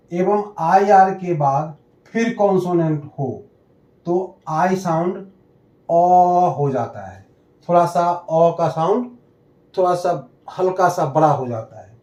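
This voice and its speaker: Slow, deliberate man teaching pronunciation. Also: high voice, dark tone. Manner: slow, deliberate, reads out word lists one by one. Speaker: English teacher. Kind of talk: pronunciation lesson. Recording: echoey room.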